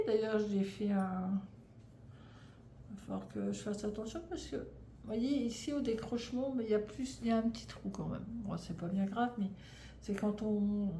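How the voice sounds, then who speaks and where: A mellow mid-range voice belongs to a French knitting vlogger in her thirties, chatting informally about her hobby. She meanders and fumbles her words, often restarting and leaning on fillers. There's echo in the room and faint noise behind her.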